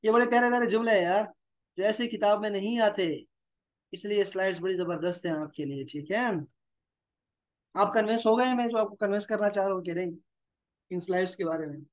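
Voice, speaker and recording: Brisk and high-voiced, a man teaching Arabic pauses often as he goes. His Pakistani Urdu accent comes through while he reads phrases out, explains them, and repeats himself to coax the class along.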